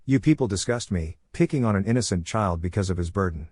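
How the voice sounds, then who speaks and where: A man's voice: deep voice, lively intonation, quick pace, no echo, studio quality. A man voicing a stern young female swordswoman in a read-aloud story, in his own plain voice. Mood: cold contempt. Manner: cold to strangers, gentle with a child.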